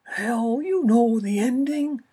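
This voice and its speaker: A woman voicing a loud, impatient female literary agent who pushes hard for a deadline. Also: a little high, slow, husky, voice pushed up, exaggerated voice. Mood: exasperated. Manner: blaring, pushy, impatient.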